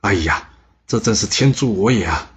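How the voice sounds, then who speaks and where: A man's voice: on the low side, expressive, normal speed, fairly bright tone, slight background noise. A man telling history stories in a chatty podcast, with asides to the listener. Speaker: podcast storyteller. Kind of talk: casual history storytelling.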